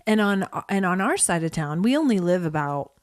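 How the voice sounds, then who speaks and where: A woman co-hosting a casual podcast chat, talkative and expressive, laughing often. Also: fairly low pitch, moderate pace, no echo, studio quality. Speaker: podcast co-host.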